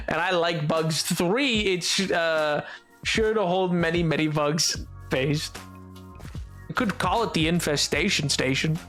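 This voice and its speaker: This man has a high-pitched, fairly bright voice and chats casually with viewers on a live stream. His answers are playful and rambling, full of fillers and restarts.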